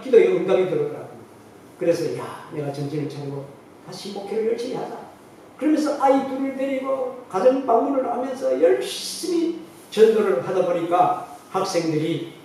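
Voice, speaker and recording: A man's voice: high-pitched, warm tone. A middle-aged man, a pastor, telling a story in his sermon and acting out the voices of the people in it. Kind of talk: sermon testimony. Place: church sanctuary. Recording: very echoey hall, distant mic, faint noise.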